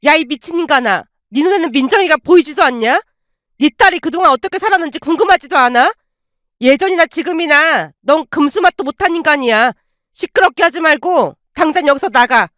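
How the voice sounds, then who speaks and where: A woman voicing a fierce, sharp-tongued middle-aged aunt who scolds in loud, fast tirades. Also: sits high, expressive, dry recording, studio quality. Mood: furious.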